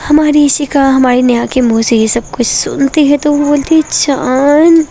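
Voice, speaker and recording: Woman narrating a love story, high voice with a gravelly edge, dark tone. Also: fairly even intonation, slight background noise. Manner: plain, unhurried storytelling with fillers.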